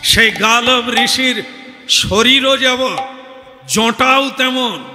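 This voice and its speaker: A man preaching a devotional sermon in a slow, theatrical way, acting out the dialogue with sudden shouts. His voice is high and very bright. It rings through a reverberant hall with music underneath. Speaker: kirtan singer and preacher.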